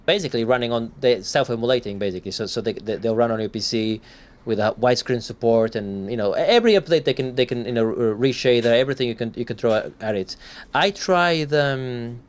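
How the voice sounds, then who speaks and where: A man's voice: mid-range voice, fast talker, few pauses. A man co-hosting a gaming podcast, talking in a rambling, casual way and swearing now and then. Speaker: podcast co-host.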